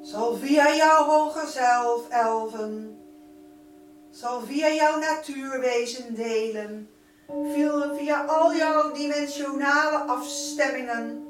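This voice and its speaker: A woman as a spiritual guide, giving a slow, solemn, incantatory channeling address with sung and whispered phrases. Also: high-pitched. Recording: echoey room, far from the mic, noisy.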